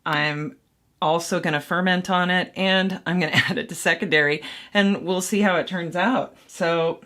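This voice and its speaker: Woman, low voice, casual how-to vlog, rambling, self-deprecating, home kitchen. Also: steady tone, moderate pace, a bit bright. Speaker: home mead maker.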